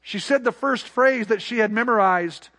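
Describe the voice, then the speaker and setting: A male pastor preaching a sermon to his church, building to emphatic peaks and dropping to quiet, soft asides. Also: sits high, normal speed.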